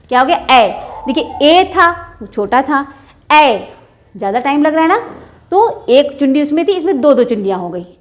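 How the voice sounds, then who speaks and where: A woman teacher giving a Hindi alphabet lesson, patiently drawing out each sound and answering her own questions. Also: high-pitched. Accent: Indian Hindi speaker. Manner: asks the class questions and answers them herself.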